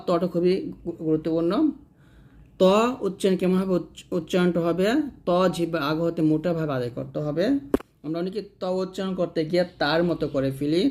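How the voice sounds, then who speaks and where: A man teaching Quran reading, chanting letter and vowel drills in a steady rhythm. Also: a little high, a little fast. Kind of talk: spelling-drill lesson.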